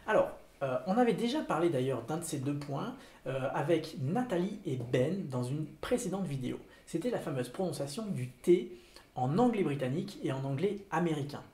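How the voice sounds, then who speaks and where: A man opens a pronunciation lesson in French and talks in an easy, explanatory way with the odd filler. His voice sits a little high and mellow. The room is echoey around him. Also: animated, normal speed. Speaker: English teacher presenting the lesson. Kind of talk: video lesson introduction.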